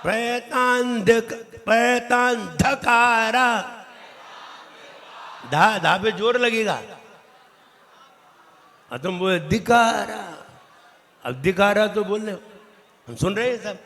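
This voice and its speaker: A male monk teaches a recitation class and corrects his students syllable by syllable. His voice is high and bright, and he speaks at an unhurried pace. The sound rings through a large temple hall with a long echo. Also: animated, a little hiss or hum.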